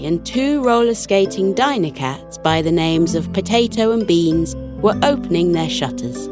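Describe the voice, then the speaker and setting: A woman narrating scripted bedtime stories for children as a podcast host, in a soothing, unhurried sleep story manner. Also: mid-range voice.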